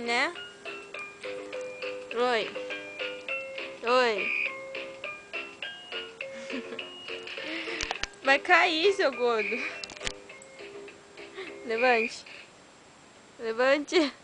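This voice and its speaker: A woman's voice: a little high, extremely slow, pauses often, music in the background. A mother filming her infant at home, talking to him in a coaxing, teasing singsong. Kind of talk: home video baby talk. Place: at home with a crying baby. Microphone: handheld home video camera. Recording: hissy 2010 home camcorder audio.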